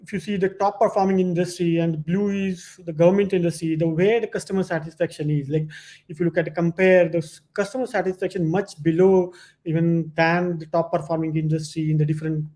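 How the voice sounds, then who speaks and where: A man giving an informal slide presentation, speaking in halting, repetitive phrases with many verbal fillers. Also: fairly high pitch, level tone, mellow. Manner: hesitant, halting phrasing with frequent repetition and "you know".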